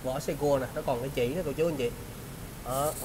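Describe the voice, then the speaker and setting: A man in his thirties with a southern Vietnamese accent, giving a used car salesman's walkaround pitch in polite, repetitive sales patter. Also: steady tone, fairly quick, background noise. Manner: salesman's patter, polite address and repeated selling points. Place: large open car service bay.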